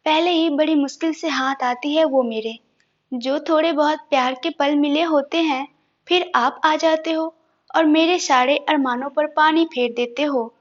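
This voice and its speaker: A woman's voice: high voice, fairly even intonation, a little slow. A woman voicing a playful, affectionate young father who coaxes and mock-sulks with his little son. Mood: playfully whiny. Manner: coaxing, mock-sulking, affectionate. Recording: dull lo-fi recording.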